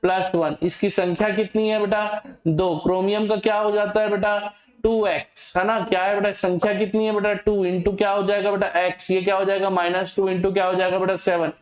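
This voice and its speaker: A male chemistry teacher giving a lively lecture to a class, who asks questions, answers them himself and teases his students. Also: sits high, a little fast, echoey room.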